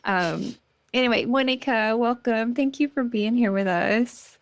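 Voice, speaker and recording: A woman's voice: a little high, a little slow, no echo. A woman co-hosting a podcast, effusive and chatty, with plenty of fillers as she asks questions. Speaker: podcast co-host. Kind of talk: casual podcast interview.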